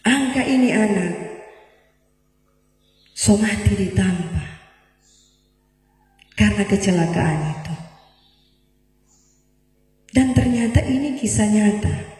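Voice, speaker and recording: A woman's voice: medium pitch, animated, slow, long pauses, darkish tone. Woman pastor. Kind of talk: sermon storytelling. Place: large church hall. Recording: echoey church hall from far off, faint music.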